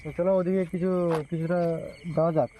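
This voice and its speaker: Night exploration vlogger: excitable man, high voice, quick and repetitive, outdoors with crickets. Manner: excitable, repeats phrases. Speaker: ghost hunting vlogger. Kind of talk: night exploration vlog, casual commentary to companions and viewers. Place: outdoors at night in a rural wooded area. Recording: outdoor night recording with faint noise. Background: crickets and insects.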